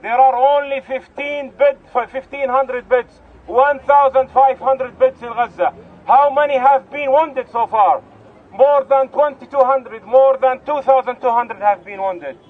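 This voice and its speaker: A man's voice: very high voice, unhurried. A man from Palestine speaking earnestly at an outdoor rally, often restarting his phrases. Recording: tinny lo-fi outdoor recording.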